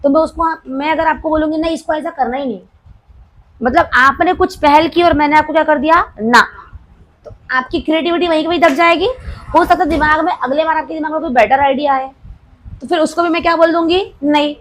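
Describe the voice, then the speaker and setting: A young woman teacher giving a classroom lecture, playfully scolding her students and slowing right down to dictate key terms. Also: high voice, steady tone, fairly bright tone, rough recording. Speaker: commerce teacher.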